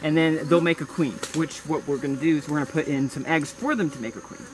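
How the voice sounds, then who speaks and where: Speaking quickly in a voice that's a little high, a young man talks about his beehives for a casual vlog, rambling and often correcting himself. He's outdoors in his homestead garden among bushes and hives, where the handheld or close camera mic picks up buzzing bees and insects.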